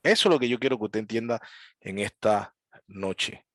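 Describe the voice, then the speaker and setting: A man teaching a church class on worship, telling stories with lively asides and mimicking piano sounds and preachers. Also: on the low side, normal speed, dry recording. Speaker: Bible teacher.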